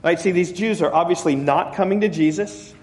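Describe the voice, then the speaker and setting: A male pastor giving a sermon, conversational, often restarting words and rising in pitch when he quotes. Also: a little fast, in a large hall. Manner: conversational preaching with frequent restarts, rising emphasis when quoting.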